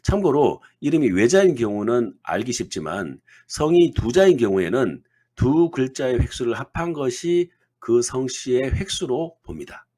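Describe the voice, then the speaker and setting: A man lecturing on naming theory in a measured, scripted way, reading lists out item by item. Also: medium pitch, big pitch swings, warm tone.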